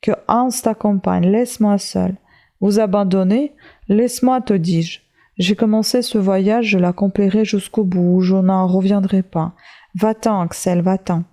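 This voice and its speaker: A woman's voice: medium pitch, fairly even intonation, measured pace, mellow, natural voice. A woman reading the lines of a stubborn, obsessive old male professor in a commanding, insistent way. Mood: stern.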